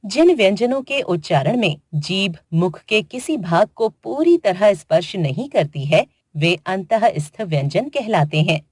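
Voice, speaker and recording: A woman narrating a children's grammar lesson in a slow, deliberate way, spelling out letters one by one. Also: medium pitch, darkish tone, husky, dry recording, clean studio sound. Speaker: grammar teacher. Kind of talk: scripted educational narration for children.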